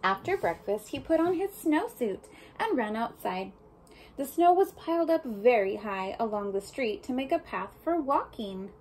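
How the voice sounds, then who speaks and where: Animated, high-voiced woman reading to children. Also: normal speed, slight background noise, low-quality recording. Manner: expressive, questioning the listener, speaking as to small children. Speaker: storybook reader for young children. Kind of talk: read-aloud of a picture book with asides and questions to children.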